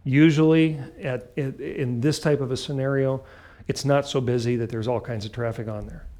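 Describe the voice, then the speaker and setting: A man's voice: medium pitch, fairly even intonation, moderate pace, warm tone. Male flight instructor, emphatic and step-by-step. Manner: emphatic, step-by-step explaining with short clipped phrases. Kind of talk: instructional talk with acted radio call examples.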